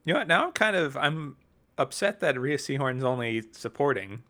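A man's voice: mid-range voice, very animated, moderate pace, sharp tone. A man co-hosting a casual chat about TV awards, wry and offhand, trailing off with ums. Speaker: podcast co-host.

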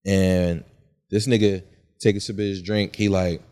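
A young man in his twenties with a lower voice chats on a podcast, telling animated stories. He acts out other people's lines as he goes, in a loose, casual way. He co-hosts the show. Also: measured pace, clear, resonant tone. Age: 20s. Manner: animated storytelling, acts out quotes. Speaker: podcast co-host. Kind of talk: casual chat.

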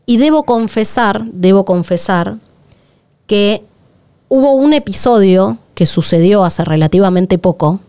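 A woman's voice: mid-range voice, measured pace, clear, resonant tone. A woman with a Rioplatense Spanish accent, co-hosting a podcast in candid, confessional chat. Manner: candid, confessional, animated storytelling. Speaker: podcast co-host.

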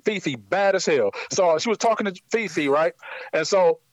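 High-voiced man talking slang by phone. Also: normal speed, no room sound, rough recording. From Akron, Ohio. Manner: animated storytelling, street slang, frequent "you know what I'm saying". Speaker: guest musician. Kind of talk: casual interview by phone. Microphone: phone line.

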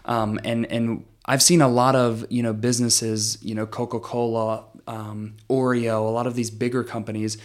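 Young man, mid-pitched voice, podcast guest, chatty, lots of fillers. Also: level tone, moderate pace, hardly any pauses. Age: young adult. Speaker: social media business owner, guest. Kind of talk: casual interview chat.

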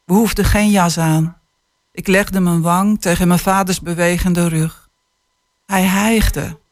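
A woman author, a guest on a radio show, speaking in a measured, somewhat hesitant way and reading from her book. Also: lowish voice, fairly even intonation, no room sound, studio quality. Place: radio studio. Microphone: studio microphone.

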